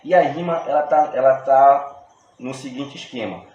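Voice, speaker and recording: A man with a Brazilian Portuguese accent teaching a poetry workshop lesson in a relaxed, slangy way, explaining step by step with frequent restarts. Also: mid-range voice, normal speed, highs cut off. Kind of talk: casual video lesson. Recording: roomy echo with faint room noise.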